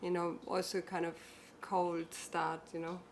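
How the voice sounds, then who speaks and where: A woman's voice: fairly low pitch, level tone, unhurried, a little hiss or hum. A female musician guest speaking reflectively in a casual interview, often adding "you know".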